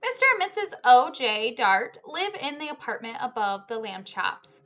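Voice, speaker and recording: A woman in her thirties reads a children's book aloud at normal speed, her fairly bright, high-side voice swinging widely in pitch. Like a teacher, she explains the story and treats the young listeners as friends, recording indoors in a small living room or home office.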